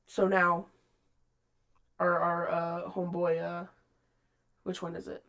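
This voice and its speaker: A woman's voice: fairly low pitch, monotone, slow, fairly bright tone. A woman hosting a casual book-club chat, recapping scenes and reading passages aloud. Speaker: podcast host.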